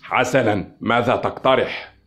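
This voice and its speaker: A man voicing a worried but firm male military commander who speaks in a measured way. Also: lowish voice, a bit bright.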